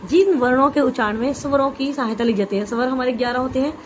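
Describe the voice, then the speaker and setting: A woman teaching an exam-prep grammar lesson, explaining patiently, saying "okay" often and spelling out letters slowly. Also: high-pitched, a little mellow, a little hiss or hum, rough recording.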